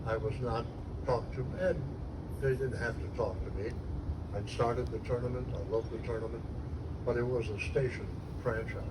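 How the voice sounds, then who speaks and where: A man's voice: medium pitch, level tone, normal speed. A man in his nineties giving a meandering, reminiscing speech at a gathering. He chuckles now and then and sometimes loses his train of thought. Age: 90s. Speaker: former TV station employee speaking at an event. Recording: distant mic with noisy background.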